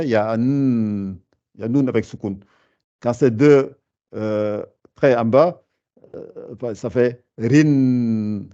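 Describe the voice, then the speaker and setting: A man teaching Quran recitation in an online class, explaining rules patiently with many fillers and pausing to recite verses slowly. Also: lowish voice, dark tone, dull audio.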